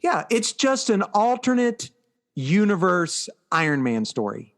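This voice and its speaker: Recapping comic books on a podcast he co-hosts, this man speaks in an unhurried, high-sitting voice with big pitch swings. The chat is casual, and he explains things informally.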